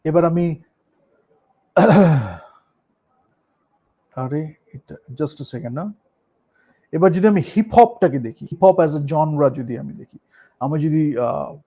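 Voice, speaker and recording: A man with a Bengali accent, a musician and performer, talking in a casual, thoughtful way, slipping English phrases into his speech and pausing with fillers. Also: on the high side, warm tone. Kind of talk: casual talk on art and performance.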